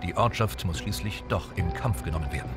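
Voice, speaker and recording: A man reading scripted documentary narration in a measured, even way. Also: low voice, over loud music. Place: voice-over booth. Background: documentary score.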